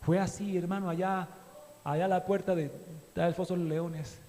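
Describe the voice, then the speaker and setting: High-voiced fervent preacher in a reverberant hall. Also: male voice, steady tone, moderate pace, dark tone. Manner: fervent preaching that swells and drops, with frequent asides to the congregation. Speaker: pastor. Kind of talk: sermon.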